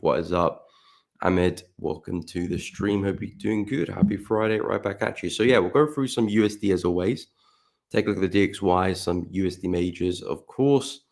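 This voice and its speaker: On his forex trading live stream, a man with a deep, low voice talks over market charts. Though croaky and constantly clearing his throat, he remains laid-back and chatty, saying hello to viewers by name.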